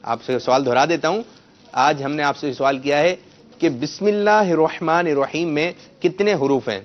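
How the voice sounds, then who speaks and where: A man hosting a children's quiz show, coaxing the kids and correcting their pronunciation. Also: on the high side. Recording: muffled lo-fi broadcast sound.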